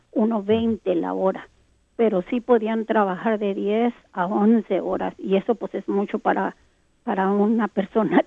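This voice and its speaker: A woman's voice: mid-range voice, vocal fry, no room sound. Older woman calling in over a phone line. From Texas. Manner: rambling storyteller, many fillers. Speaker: radio caller. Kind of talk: phone-in recollection.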